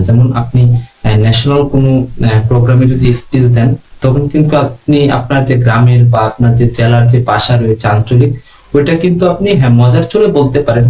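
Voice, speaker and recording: বাংলাদেশের এক পুরুষ অনলাইন ক্লাসে যোগাযোগ দক্ষতা শেখাচ্ছেন, ধীর ও মাপা ভঙ্গিতে একটার পর একটা টিপস দিচ্ছেন।. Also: male voice, mid-range voice. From Bangladesh. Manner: calm, measured teaching with numbered tips. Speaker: online class instructor. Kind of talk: online lesson on communication skills. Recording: roomy echo.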